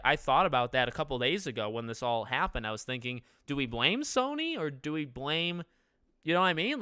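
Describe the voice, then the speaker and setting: A young man with a nasal voice hosts a casual gaming live stream as a YouTuber, sitting in his living room with a couch behind him. He rambles conversationally with restarts and asks his chat questions. His voice is on the high side and sharp, with clean studio sound and no room sound.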